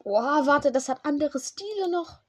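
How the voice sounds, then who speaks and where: A woman's voice: high-pitched, expressive, normal speed. A young woman giving casual, slangy commentary to a teammate while playing a game. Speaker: gamer streamer.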